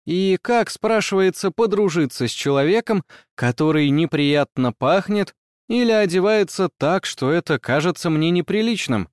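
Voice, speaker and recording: A man narrating a first-person story in a measured, even reading. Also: fairly high pitch, no room sound, studio quality.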